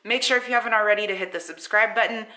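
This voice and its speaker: Bright-voiced young woman vlogging casually. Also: mid-range voice, racing, echoey room. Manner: chatty, rambling with restarts and fillers. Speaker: YouTuber. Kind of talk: casual vlog talk to camera. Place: home room with bare walls.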